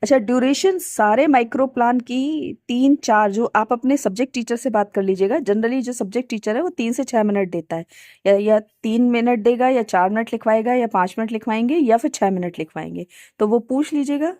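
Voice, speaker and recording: A woman's voice: fairly high pitch, normal speed, warm tone, no room sound, clean studio sound. A woman teacher educator with an Indian Hindi accent, explaining teaching skills in a casual spoken lesson, with many fillers and English terms mixed in.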